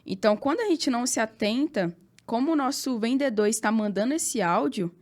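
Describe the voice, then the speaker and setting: A woman's voice: fairly high pitch, animated, fairly quick, a little mellow. A woman with a Brazilian accent, a podcast guest giving direct, emphatic advice. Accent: Brazilian Portuguese. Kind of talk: casual podcast chat.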